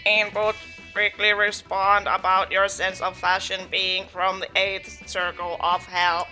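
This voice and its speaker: A woman's voice: medium pitch, monotone, unhurried, bright, forceful tone, faint music behind, voice pushed down, rough recording. A woman voicing a literal-minded robot classmate from a game, speaking in clipped statements. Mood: deadpan.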